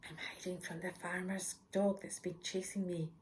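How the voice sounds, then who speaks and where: A woman voicing a frightened, trembling rabbit in a storybook reading, soft and nervous. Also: on the low side, flat delivery, normal speed, a little hiss or hum, lightly acted. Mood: timid.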